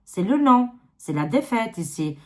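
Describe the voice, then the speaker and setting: A woman's voice: fairly high pitch, very animated, unhurried, warm tone. A woman with an Albanian accent reading tarot cards to camera in a rambling, casual way, dropping many fillers. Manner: rambling, filler-heavy, repeats 'hein'. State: tired. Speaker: tarot reader.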